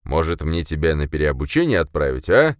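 A man voicing a fat, bossy middle-aged police chief who shouts and blusters. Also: a bass voice, very animated, fairly quick, clean tone, dry recording, clean studio sound. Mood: blustering, angry.

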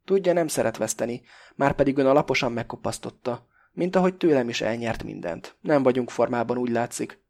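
A man voicing an excitable middle-aged businessman in an audiobook, shrill and exclamatory. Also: creaky, natural voice. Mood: wry. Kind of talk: audiobook character voice.

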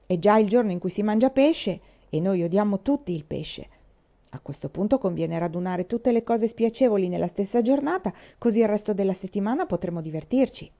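A woman's voice: mid-range voice, expressive, brisk, dark tone, highs cut off, close to an everyday voice. Brief: spirited, outspoken girl in a storybook, voiced by a female reader. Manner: exclaiming, outspoken.

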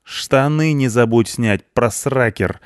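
A man voicing a gruff, snappish young female cleaner in an audiobook. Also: lowish voice, lively intonation, normal speed, darkish tone, no echo, studio quality, lightly acted. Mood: angry. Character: grumpy young female cleaner, sharp-tongued.

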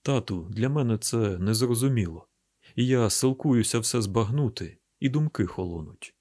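A troubled grown son speaks to his father with restraint and earnestness, voiced by a man. His husky voice sits at an ordinary pitch in this audiobook drama. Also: animated, moderate pace, darkish tone. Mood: probing.

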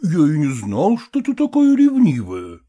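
A man's voice: a little high, wildly swooping pitch, unhurried, warm tone, slightly rough, pitched above the performer's own voice, heavily acted. A man voicing a condescending, evasive professor who soothes and patronizes a jealous woman, reading an audiobook. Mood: patronizing. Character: condescending middle-aged male professor, evasive.

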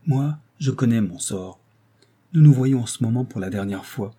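A man's voice: medium pitch, moderate pace, dark tone, slightly rough, natural voice. A man voicing a proud, dutiful young noblewoman in an audiobook, reading her lines in an earnest, declamatory way. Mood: resigned.

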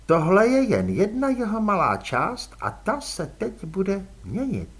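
An elegant female vampire with a cool, drawling, aristocratic manner, as a male audiobook narrator puts her on. The voice rides high and swoops all over, with a husky grain underneath. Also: wildly swooping pitch, heavily acted. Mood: cool, poised. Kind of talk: audiobook character voice.

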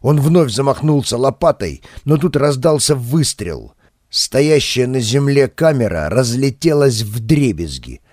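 A man narrating an audiobook in a steady, expressive voice, close to the mic. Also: mid-range voice, no room sound. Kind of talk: scripted narration.

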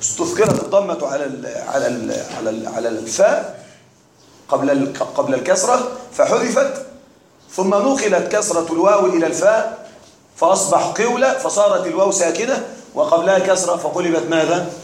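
High-voiced man teaching a lecture. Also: lively intonation, brisk. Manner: quizzes students with repeated questions. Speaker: Arabic grammar teacher. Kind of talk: classroom lecture. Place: classroom. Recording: echoey classroom with faint noise.

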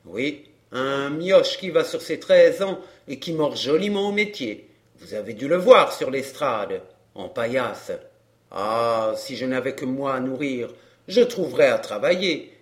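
A man's voice: mid-range voice, lightly acted. A man voicing a down-and-out middle-aged fairground clown in an audiobook, talking in coarse, grumbling slang. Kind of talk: audiobook character reading.

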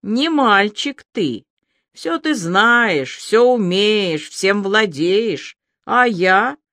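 A woman's voice: a bit bright, no echo, studio quality, full character voice. A reader voicing a drunk, hysterical young woman whose voice rings and strains. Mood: bitter. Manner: shrill, ringing and strained.

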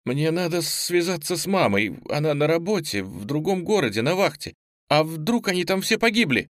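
A man voicing a frightened teenage schoolgirl in an audiobook, speaking high and shaky. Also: moderate pace, no room sound, clean studio sound, lightly acted. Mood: tearful.

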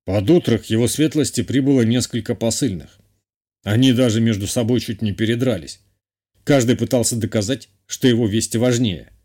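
A man voicing a loyal male bodyguard in his thirties, who speaks in a slow and deferential way in an audiobook. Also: medium pitch, dark tone, lightly acted. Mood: reporting.

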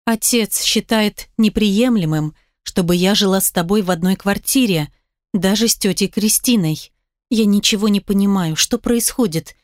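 A woman's voice: mid-range voice, moderate pace, darkish tone, no room sound, clean studio sound, close to an everyday voice. A woman voicing a frightened, tearful young woman who pleads emotionally in a read-aloud story. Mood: anxious.

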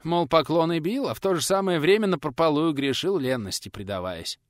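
A man reading an audiobook aloud with a lively, animated pitch. He drops into rustic, old-fashioned character voices for the dialogue. The recording is close and dry, with no room sound. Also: a little fast, no room sound. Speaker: audiobook narrator. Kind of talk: audiobook narration with acted dialogue.

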